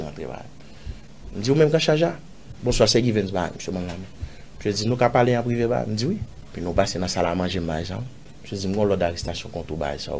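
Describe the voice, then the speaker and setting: Haitian man, low voice, animated retelling. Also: gravelly, a little hiss or hum. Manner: animated, acts out others' lines in raised voice; drops to low murmurs and whispers. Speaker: interview guest. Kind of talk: recounting a personal story in conversation.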